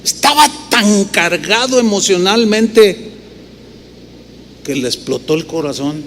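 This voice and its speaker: A middle-aged man with a Mexican accent preaches a sermon as pastor, his voice sitting high and his pace slow. He tells stories in an animated way, full of rhetorical questions. The recording has the echo of a reverberant hall and faint noise.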